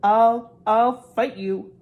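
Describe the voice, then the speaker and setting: A woman's voice: fairly high pitch, animated, fairly quick, muffled recording, pitched above the performer's own voice, lightly acted. A woman reading aloud and voicing a timid, clumsy schoolboy who stammers as he tries to stand firm. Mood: nervous defiance. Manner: nervous, stammering. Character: timid clumsy schoolboy steeling his nerve.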